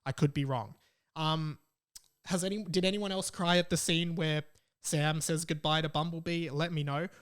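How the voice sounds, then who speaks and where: This solo podcast host is a young Australian man with a fairly high-pitched voice, speaking at normal speed in a steady tone. His casual, chatty delivery moves between reading messages aloud and giving informal commentary of his own.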